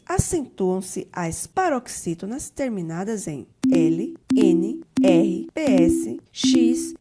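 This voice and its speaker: A woman teacher, giving a patient video lesson and checking in with her pupils often while spelling out word endings one by one. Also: medium pitch. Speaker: school teacher. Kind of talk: recorded video lesson for children.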